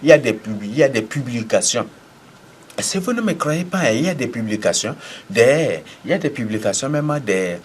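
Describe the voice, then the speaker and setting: A man's voice: lowish voice, a little hiss or hum. A man, preaching and praying with commanding, repetitive declarations and sudden emphatic rises. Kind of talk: deliverance prayer and preaching.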